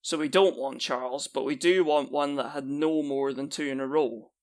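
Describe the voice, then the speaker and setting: An actor playing a practical, logical team adviser who reasons and gives directions in a fantasy game drama. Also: male voice, mid-range voice, moderate pace, close to an everyday voice. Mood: focused, reasoning.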